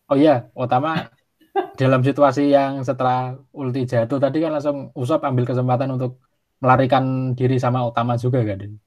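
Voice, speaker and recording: A man's voice: medium pitch, level tone, normal speed, a little mellow. A man chatting casually, mostly giving short agreeing replies and asking follow-up questions. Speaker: podcast co-host. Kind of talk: casual chat.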